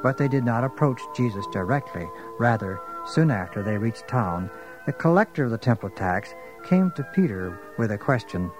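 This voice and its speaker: A man's voice: medium pitch, lively intonation, moderate pace, over music, poor audio. A man reading scripted Bible story narration as the narrator of a drama.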